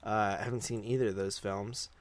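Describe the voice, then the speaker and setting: Brisk and fairly even in intonation, this fairly low male voice comes through with no room sound. The speaker is a podcast co-host casually reviewing films, his phrasing loose and prone to doubling back.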